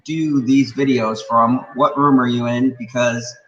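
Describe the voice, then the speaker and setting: A man's voice: mid-range voice, fairly even intonation, unhurried, a bit bright, muffled recording. A man hosting a casual live reaction stream with sarcastic, sweary, teasing chat, sounding like he is in an empty warehouse. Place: echoey, empty-sounding room. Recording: echo like an empty warehouse, clear background noise.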